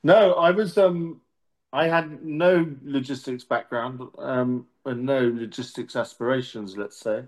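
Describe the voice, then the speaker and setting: A middle-aged man speaks with a British accent in a casual interview. His pitch sits in the middle of the male range. He feels his way through sentences, pausing and rephrasing as he goes. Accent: British English. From born in Marseille, France, long settled in the UK. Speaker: managing director, interview guest.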